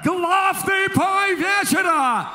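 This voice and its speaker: A man working as a ring announcer, delivering a booming stage introduction for a fight in a large arena. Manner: booming stage introduction with drawn-out shouted names and rapid-fire stats. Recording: echoey arena PA, some background noise.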